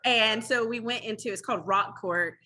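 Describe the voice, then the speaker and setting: A woman's voice: fairly high pitch, moderate pace, slight background noise. A woman in her thirties, a former defense attorney, telling stories in a casual interview, acting out quotes with lots of "like". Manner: animated storyteller, acts out quotes, many "like"s.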